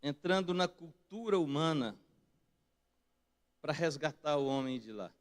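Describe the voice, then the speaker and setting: Slow, high-voiced Brazilian pastor preaching. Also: male voice, lively intonation. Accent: Brazilian Portuguese. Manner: swings between quiet reflective lows and loud emphatic peaks. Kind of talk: sermon. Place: church sanctuary.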